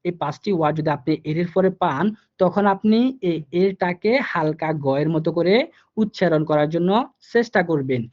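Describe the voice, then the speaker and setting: A man's voice: a little high, moderate pace. Man teaching, lo-fi sound. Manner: repetitive, explaining step by step with many fillers. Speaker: German language teacher. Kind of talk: live online class lesson.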